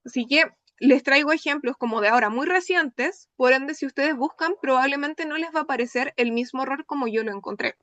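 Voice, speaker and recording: A young woman with a Chilean accent lectures in an open class, her voice set high. She explains things step by step and often stops to check that her listeners follow. The sound is dry and close. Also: brisk, a bit bright, dry recording. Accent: Chilean Spanish. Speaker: lecturer presenting her research. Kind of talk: academic talk in an open class.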